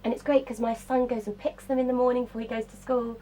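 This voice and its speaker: A woman's voice: on the high side, little pitch movement, fast talker, warm tone, a little hiss or hum. A woman, a cookbook author, talking enthusiastically about healthy desserts as a guest in a radio studio interview. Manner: enthusiastic, explanatory.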